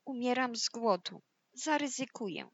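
A woman voicing a hungry, furious male wolf in a storybook reading, with loud, menacing shouts. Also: on the high side, lively intonation, measured pace, slightly rough, no echo, muffled recording, pitched above the performer's own voice, exaggerated voice. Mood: desperate.

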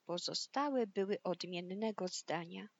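A woman narrating a children's fairy tale in a calm, measured storytelling voice. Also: on the low side, highs cut off. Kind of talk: storybook reading.

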